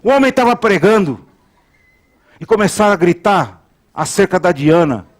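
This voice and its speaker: Emphatic high-voiced male pastor preaching. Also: big pitch swings, moderate pace. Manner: emphatic, repeats phrases, leads call-and-response. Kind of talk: sermon.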